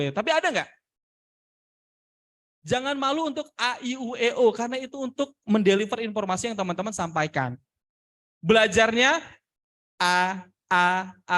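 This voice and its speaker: Young male public speaking coach, high and bright, animated and hands-on with students. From Indonesia. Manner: lively, demonstrative, imitates examples. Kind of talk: seminar talk to students.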